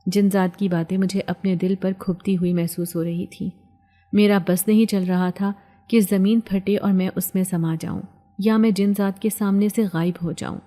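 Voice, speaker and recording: A woman telling a first-person mystery story as a scripted narration, in a steady, even manner. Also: medium pitch. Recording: long hall reverb.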